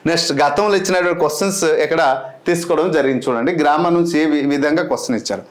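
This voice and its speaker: A male coach lectures with a rousing push and then runs through lists of grammar terms. His voice sits high. The room echoes around him. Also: rapid-fire. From Andhra Pradesh, India. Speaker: exam coach, English teacher. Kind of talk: motivational lecture and exam lesson.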